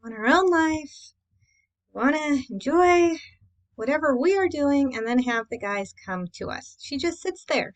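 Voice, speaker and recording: High-voiced woman giving chatty coaching talk. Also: poor audio. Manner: chatty and informal, asks rhetorical questions and checks in with "right?". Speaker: dating coach and class host. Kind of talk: casual instructional presentation to camera.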